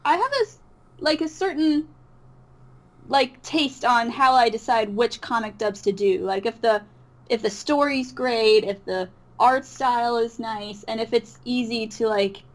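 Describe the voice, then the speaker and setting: As a guest on an interview, a woman who voices comic dubs chats casually, giggling and hesitating as she goes. Her pitch sits fairly high and her pace is a little slow.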